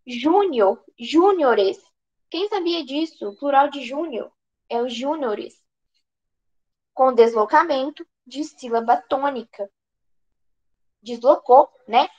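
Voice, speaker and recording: A Brazilian woman with a high voice teaches grammar for an exam. She asks questions and answers them herself, often restarting her sentences. The recording sounds dull and lo-fi. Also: slow, pauses often, darkish tone. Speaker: exam prep tutor. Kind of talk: online grammar lesson.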